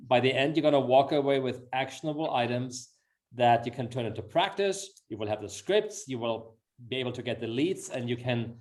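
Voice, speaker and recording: Here a middle-aged sales executive from Austria hosts an upbeat webinar via video call, chatty, effusive and encouraging throughout. A native German speaker, he has an Austrian accent and a somewhat mellow, mid-range voice.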